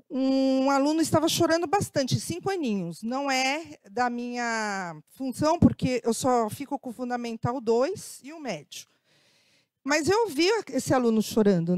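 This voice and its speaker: A woman's voice: a little high, darkish tone, no room sound, clean studio sound. A middle-aged Brazilian woman with a Brazilian Portuguese accent gives a lecture as an educator and tells personal anecdotes, often adding tag questions and acting out dialogue. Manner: conversational, frequent tag questions, acts out quoted dialogue. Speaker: guest speaker, educator.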